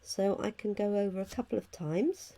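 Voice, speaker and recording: Croaky, hoarse woman with a mellow tone. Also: mid-range voice, normal speed. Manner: chatty, talking through each step while working. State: hoarse from illness. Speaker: craft demonstrator hosting a live stream. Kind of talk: casual live craft tutorial. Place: at a craft table indoors.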